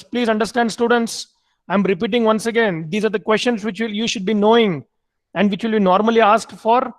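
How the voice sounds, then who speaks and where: Brief: high-pitched male lecturer, repeats and quizzes students. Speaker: MBA lecturer. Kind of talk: online class lecture.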